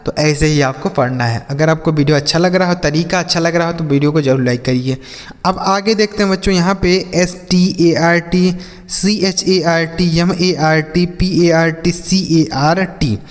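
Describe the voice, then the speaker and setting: A man's voice: on the high side, steady tone, normal speed. A man teaching English reading. He spells words out letter by letter, asks what they say and repeats the answer. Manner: calls viewers children and brother. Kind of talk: spoken English reading lesson. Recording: long hall reverb.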